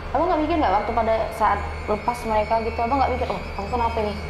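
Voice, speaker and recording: Higher-voiced woman interviewer in echoey room. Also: very fast. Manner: reactive, short questions and interjections. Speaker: interviewer, host. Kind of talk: casual interview chat. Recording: echoey room with background noise.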